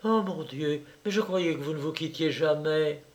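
A man's voice: on the high side, moderate pace, close to an everyday voice. Man doing a gushing, cooing young lady. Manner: cooing, fussy baby talk to a little dog. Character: gushing, affected young Parisian woman fussing over lapdog.

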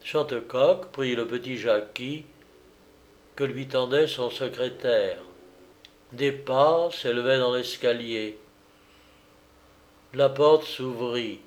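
A man narrating an audiobook of an old detective novel in a slow, deliberate reading voice. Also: mid-range voice.

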